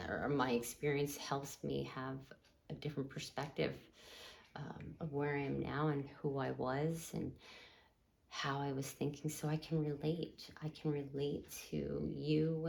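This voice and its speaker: A woman's voice: deep voice, vocal fry. A young adult woman hosting a podcast, giving an earnest, encouraging monologue that rambles with frequent restarts. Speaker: podcast host. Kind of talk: casual motivational monologue.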